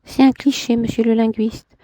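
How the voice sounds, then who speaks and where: A woman reading a novel aloud, voicing a haughty, sharp-tongued woman in a raised, pointed, questioning voice. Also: on the high side, flat delivery, moderate pace, no echo, pitched above the performer's own voice, lightly acted. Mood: mocking.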